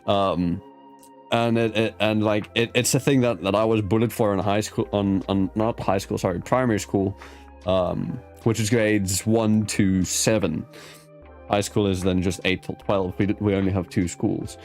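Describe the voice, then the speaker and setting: With soft music playing behind him, a South African man whose first language is Afrikaans hosts a casual interview. His voice is fairly low and steady at a normal speed, and his South African accent comes through as he rambles and keeps restarting.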